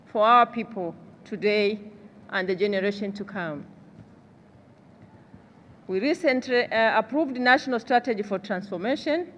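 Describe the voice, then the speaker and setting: A middle-aged woman with a Rwandan accent delivers a formal, measured podium speech, read from notes as a government delegate. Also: mid-range voice. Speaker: government official, delegate speaker. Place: large conference hall. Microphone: podium gooseneck microphone. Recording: reverberant large hall, background noise.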